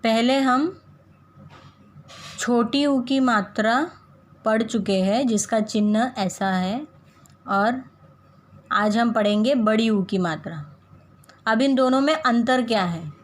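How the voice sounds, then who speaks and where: A woman teaching young children a Hindi lesson, saying example words slowly and deliberately so they can repeat after her. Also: a little high. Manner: slow, carefully drawn-out pronunciation of example words. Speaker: primary school Hindi teacher.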